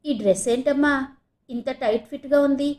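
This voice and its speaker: A woman's voice: high-pitched, normal speed, warm tone, close to an everyday voice. A woman narrator voicing teasing male college seniors mocking a newcomer. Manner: mocking, raised voice.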